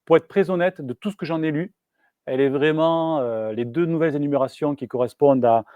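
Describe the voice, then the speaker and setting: Male engineer presenting at a meetup, halting delivery, dry sound. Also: on the high side, mellow, dry recording, highs cut off. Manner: casual, hesitant, many fillers and restarts. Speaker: software engineer giving a meetup talk. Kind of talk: live technical presentation. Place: meetup room.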